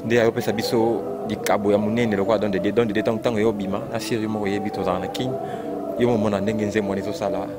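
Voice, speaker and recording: A man with a Congolese French accent in an animated, repetitive casual chat about music, exclaiming often. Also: lowish voice, fast talker, heavy background noise. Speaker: fan discussing rumba music. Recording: loud music playing behind.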